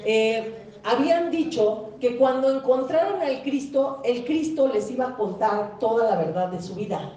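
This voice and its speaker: A woman's voice: fairly high pitch, a little slow, warm tone, a little hiss or hum. Woman pastor, distant echoey hall. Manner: conversational preaching, quizzes the congregation, acts out quoted speakers. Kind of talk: sermon. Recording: echoey church hall, mic far off.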